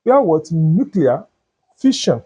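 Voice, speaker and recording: Slow man teaching chemistry, dull sound. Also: on the high side, sing-song, mellow, breathy edge. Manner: asks questions and fills in the answers himself. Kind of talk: chemistry lesson.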